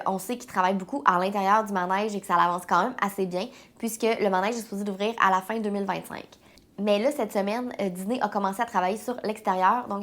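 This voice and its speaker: A woman with a Quebec French accent hosting a casual news vlog, sounding nasal and stuffed up with a head cold, speaking informally and hesitantly. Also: mid-range voice. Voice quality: nasal, congested. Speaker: host of a weekly theme park news vlog. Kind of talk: casual news update to viewers.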